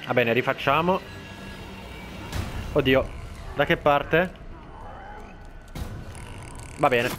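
A man giving casual let's play commentary, talking to the enemies on screen and shouting when startled. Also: medium pitch, very slow, long pauses, faint music behind. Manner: excitable, talks to enemies, shouts in alarm. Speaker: gameplay commentator.

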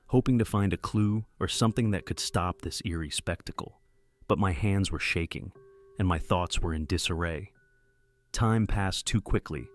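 Male horror-story narrator, deep and steady, scripted first-person telling. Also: slight background noise.

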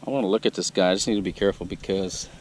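A man, chatting excitedly to viewers about a catch while standing on a riverbank outdoors, recorded on a chest-mounted camera. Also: sits low, very fast. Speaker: fishing vlogger. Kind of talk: casual outdoor vlog. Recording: outdoor recording with faint nature noise.

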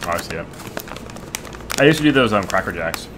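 A young man co-hosting a casual snack-tasting chat, animated and sarcastic in his ribbing. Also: sits low, a little fast. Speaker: co-host. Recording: noisy home stream recording.

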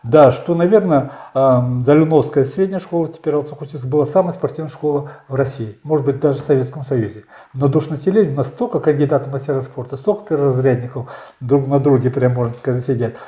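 A man in his sixties, a candidate answering interview questions in a measured storytelling way, often pausing with fillers. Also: medium pitch, dark tone, roomy sound. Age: 60s. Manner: measured, storytelling, frequent hesitations. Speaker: election candidate. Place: small bright studio.

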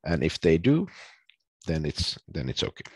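Low husky man presenting on a call. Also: huge pitch swings, no room sound. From Finland. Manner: explains plainly with frequent ums and pauses. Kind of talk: casual online presentation. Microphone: video call.

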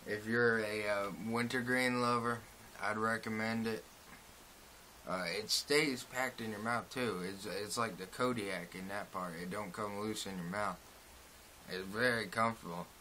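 A man's voice: lowish voice, fairly even intonation, a little slow, pushed and bright, slight background noise, low-quality recording. Young man with dip in lip. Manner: laid-back, repetitive, plain country speech. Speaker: vlogger reviewing dip. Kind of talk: casual rambling review. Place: small open shed, rain outside. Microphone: phone propped on a door.

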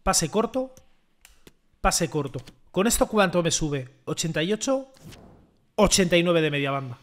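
A young man doing loud, joking gameplay commentary and swearing freely. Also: on the high side, expressive, normal speed. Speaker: gaming YouTuber.

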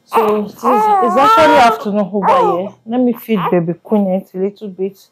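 A woman's voice: on the high side, expressive, normal speed, heavy background noise. A young woman talking casually to camera at home, rambling with restarts and pidgin asides. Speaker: vlogger mother. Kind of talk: casual vlog talk to camera. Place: home, indoors.

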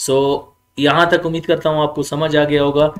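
A male grammar teacher giving a classroom lecture, mixing explanation with slow, spelled-out English examples and answering his own rhetorical questions. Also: fairly high pitch, level tone. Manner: asks himself rhetorical questions and then answers them.

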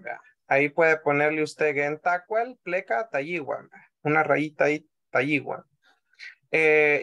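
A man with a Salvadoran Spanish accent teaching a language class over a video call, patient, often repeating words slowly and checking in with the class. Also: fairly high pitch, a bit bright.

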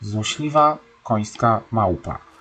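A man's voice: fairly low pitch, lively intonation, slow pace, sharp tone, slight background noise. A young man giving casual, sarcastic commentary while playing a life-simulation game, scolding his stubborn horse. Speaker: let's-play gamer.

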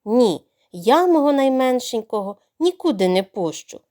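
A caring mother duck from a bedtime audio tale speaks with anxious protectiveness, voiced by a woman. Her voice is high and lively. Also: normal speed. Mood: worried.

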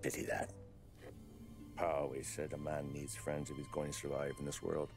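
Style: a gruff 1930s detective, very deep voice. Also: male voice, monotone, moderate pace, over music. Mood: wry, needling. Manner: needling, tough-talking street slang. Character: gruff 1930s male police detective interrogating. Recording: game audio with loud score.

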